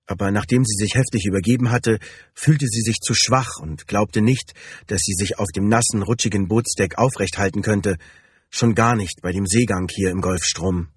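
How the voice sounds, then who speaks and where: A man narrating an audiobook in a steady, even reading voice. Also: lowish voice, moderate pace, husky, no room sound, studio quality.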